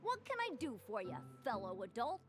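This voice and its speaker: A woman's voice: fairly high pitch, huge pitch swings, moderate pace, over music. A woman voicing an earnest, naive nine-year-old farm boy in a video game, eager and self-important. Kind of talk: video game character dialogue.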